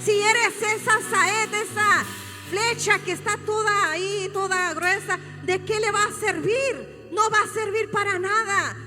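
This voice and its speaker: Woman pastor, very high voice, fervent preaching style, reverberant sanctuary. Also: a little slow. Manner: fervent preaching, rising to shouts and calling out to the congregation. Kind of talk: sermon. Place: church sanctuary. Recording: long hall reverb with faint music.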